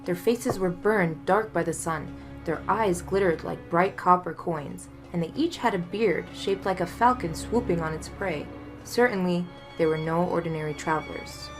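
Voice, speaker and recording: A woman reading a folktale aloud in a measured, expressive storytelling manner. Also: on the low side, over music.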